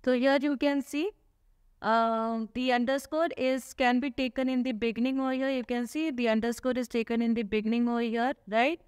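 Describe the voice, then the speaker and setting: A woman's voice: fairly high pitch, steady tone, fairly quick, darkish tone, clear, resonant tone, no echo, studio quality. A woman teacher narrates a slide lesson, explaining patiently, asking herself questions and often adding "okay?". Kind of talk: slide lecture. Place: voice-over on slides.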